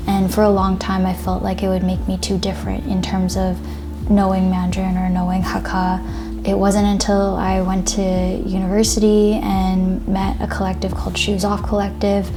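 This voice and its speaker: A young woman artist answering interview questions reflectively, with searching phrasing and frequent restarts. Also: medium pitch. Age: young adult. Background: background music.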